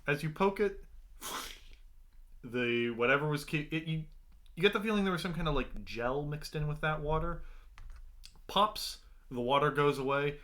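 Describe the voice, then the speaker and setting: A man's voice: on the high side, moderate pace, long pauses, fairly bright tone. A man narrating a tabletop game as game master, loose and rambling with casual swearing.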